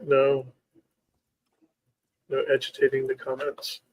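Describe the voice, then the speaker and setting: A man's voice: mid-range voice, completely flat delivery, slow pace, dry recording, low-quality recording. A man co-hosting a gaming stream with casual, playful, jokey banter. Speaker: stream co-host playing the game. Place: room shared with host.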